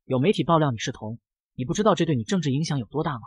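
A woman's voice: low-pitched, lively intonation, racing, breathy edge, no echo, exaggerated voice. A woman voicing a stern, dignified queen mother who scolds her son. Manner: solemn scolding.

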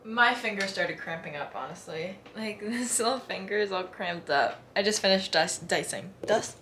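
In a casual cooking vlog, a young adult woman talks slangily to the camera from her home kitchen, thinking out loud as she goes. She sounds animated and a bit bright, with a mid-range voice at a moderate pace. Kitchen clatter, faint noise and an echoey room come through, with the camera set up a step away.

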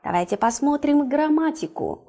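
A woman's voice: high-pitched, expressive, moderate pace, dark tone. A woman teacher explaining grammar patiently in an online lesson, leading the class through drills when speaking other languages. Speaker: Russian teacher.

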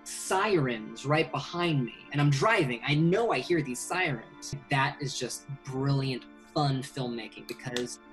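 A man in his thirties from Indonesia, an animated filmmaker hosting a casual video-call interview from a small bedroom, talking with many fillers. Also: mid-range voice, measured pace, hardly any pauses, soft background music, rough recording. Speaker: filmmaker and host. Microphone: webcam video call.

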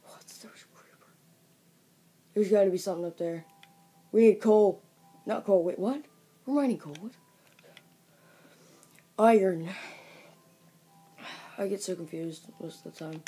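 A woman narrates her own game in a slow, unhurried way. Her voice is low, husky and dark. She jokes with her viewers and bursts out loudly when things go wrong in the game. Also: faint music behind. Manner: chatty and jokey, talking to viewers; excitable outbursts during play. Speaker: gaming video creator. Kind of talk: let's play game commentary. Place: at home.

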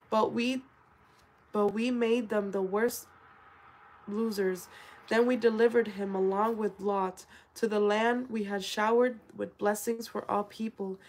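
A woman's voice: medium pitch, poor audio. A woman reading a scripture translation aloud, calling out verse numbers and stumbling over words, then correcting herself as she goes. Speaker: scripture reader.

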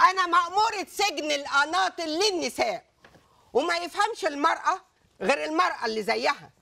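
A woman's voice: high-pitched, vocal fry, a bit bright, full character voice. An actress with an Egyptian accent playing a self-important, indignant middle-aged woman prison warden and mother in a TV comedy series. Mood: lecturing. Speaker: police brigadier, prison warden. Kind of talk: TV comedy drama acting.

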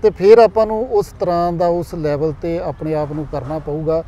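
A man's voice: on the high side, steady tone, normal speed, dark tone, slight background noise. A man with a Punjabi accent, a dairy expert on a talk show, explaining earnestly with figures and examples. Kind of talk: explanatory interview answers.

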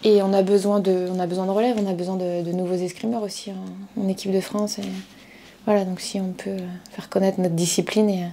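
Mellow-voiced woman telling her story. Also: medium pitch, little pitch movement, a little fast, slight background noise. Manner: storytelling, frequent hesitations. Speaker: fencer. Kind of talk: casual interview. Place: office indoors.

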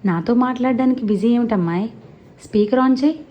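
Woman putting on a loud scolding old grandmother. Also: on the high side, brisk, pitched above the performer's own voice, lightly acted. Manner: nonstop scolding, loud and forceful. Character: sharp-tongued old village grandmother, scolding.

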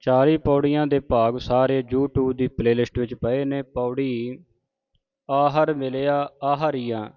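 Slow, measured male recitation teacher. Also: mid-range voice, level tone, no room sound, narrow, tinny audio. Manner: measured, chanting recitation with spoken corrections. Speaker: Gurbani pronunciation teacher. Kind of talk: slow recitation lesson with corrections.

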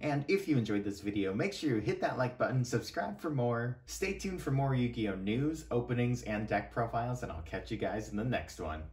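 A man's voice: medium pitch, expressive, normal speed, hardly any pauses, darkish tone. A young man giving casual, laid-back commentary as he hosts a card-opening video. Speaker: card-opening channel host.

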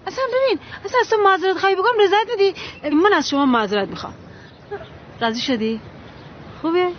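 A chatty, bickering housemaid. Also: female voice, very high-pitched, animated, slight background noise. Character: chatty housemaid, meddling and quick-tongued. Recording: muffled film audio.

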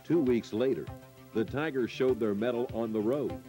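An American man reading scripted sports highlight narration in measured, dramatic phrases with pauses. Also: warm tone, faint music behind.

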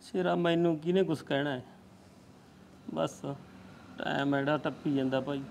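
Actor: aging father, poor and tender, gentle consoling tone, slightly high pitch. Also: fairly even intonation, moderate pace, creaky, slight background noise.

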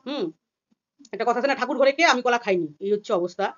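A woman from India tears through a heated vlog rant at breakneck speed, her voice sitting a little high. She slips into other people's voices as she retells a quarrel. The audio is dull and lo-fi. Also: fairly bright tone. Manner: rapid and agitated, acting out quoted voices. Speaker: vlogger.

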